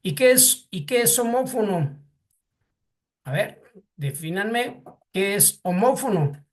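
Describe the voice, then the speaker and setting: A man's voice: high voice, animated, slow. A man with a Mexican Spanish accent teaching a class, hesitant, with many fillers and repeated words, asking the students questions. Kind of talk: classroom lecture.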